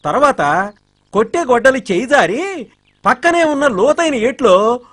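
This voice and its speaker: An actor playing a humble gardener who tells a child an earnest folk tale in a comedic film scene. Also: male voice, extremely high pitch, animated, unhurried, a bit bright, full character voice. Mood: earnest telling. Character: meek, earnest village gardener storyteller. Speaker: gardener telling a story.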